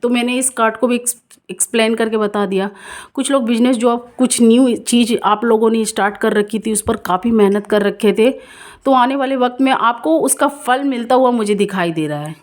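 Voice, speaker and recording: A woman's voice: fairly high pitch, moderate pace. A woman doing a casual, reassuring tarot reading for viewers, repeating herself and mixing in English words. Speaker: tarot card reader.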